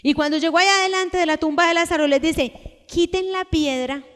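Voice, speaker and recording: A woman preaching a sermon, emphatic and deliberate, putting repeated questions to her congregation. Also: very high-pitched, fairly even intonation, a bit bright. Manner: slow, deliberate delivery with sudden raised cries. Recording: long echo of a large hall.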